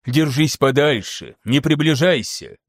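An animated, theatrical scholar who presses his point with insistent flair, read by a man. The voice sits a little high and sounds close and dry, as in an audiobook reading. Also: a little slow, no echo. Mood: lecturing excitedly. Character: excitable theatrical male scholar, lecturing.

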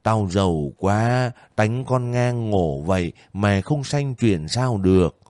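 A man voicing a gentle, weary older countrywoman who speaks softly and slowly. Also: lowish voice, lively intonation, no echo, studio quality.

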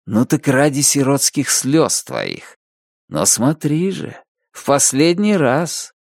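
A man's voice: medium pitch, sing-song, slow, creaky, no echo, studio quality, heavily acted. A man doing a smug, cruel officer. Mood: mock-gentle. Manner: mock-gentle, sanctimonious. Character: sly, cruel male officer feigning kindness.

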